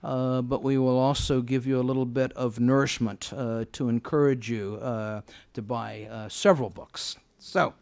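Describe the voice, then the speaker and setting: A man moderating a formal event, introducing speakers in a hesitant, halting way. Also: medium pitch, steady tone, creaky, darkish tone.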